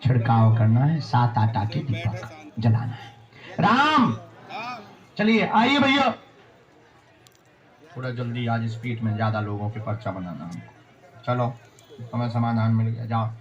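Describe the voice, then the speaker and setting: A man's voice: mid-range voice, sing-song, a little slow, pauses often, muffled recording. A man acting as a spiritual guru, addressing devotees with short commands and rhythmic pronouncements. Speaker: spiritual guru holding court. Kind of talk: addressing devotees at a religious gathering.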